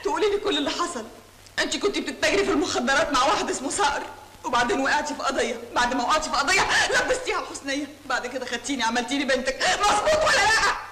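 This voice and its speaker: A woman's voice: high-pitched, very animated, rapid-fire, reverberant, background noise. An actress with an Egyptian accent playing a young policewoman who emotionally confronts her mother. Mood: pleading. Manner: emotional, pleading. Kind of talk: film drama acting.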